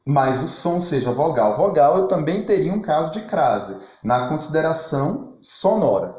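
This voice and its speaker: A man teaching a literature lesson, reading verse lines aloud and counting syllables in a slow, methodical way. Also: fairly high pitch. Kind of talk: recorded lesson explaining poetic meter. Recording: echoey room.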